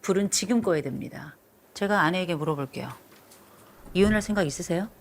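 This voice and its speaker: A woman's voice: on the low side, brisk. A middle-aged woman counseling a couple on TV, lecturing firmly and scolding. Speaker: marriage counselor. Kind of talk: TV counseling session. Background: background music.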